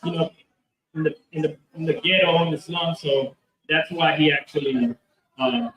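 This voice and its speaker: A man speaks about his comic book in an interview at a convention, his slightly high voice at normal speed. He rambles, restarts often, and leans on fillers. The mic is far off, so the sound is roomy and echoing, with crowd noise around him.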